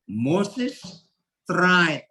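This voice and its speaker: A male preacher delivers his sermon slowly and deliberately, stretching his phrases. His voice is very lively, swinging up high to stress a point and dropping back down. He reads verses aloud and calls out to his helpers between them. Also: low-quality recording. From Indonesia. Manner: animated preaching, switches pitch sharply for emphasis, directs helpers to slides. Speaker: pastor.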